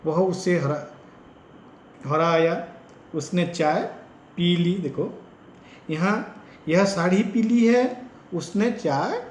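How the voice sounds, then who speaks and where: A man who trains teachers gives a slow lecture in Hindi with an Odia-influenced accent and repeats example sentences with stress. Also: fairly high pitch, echoey room, slight background noise. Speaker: teacher educator.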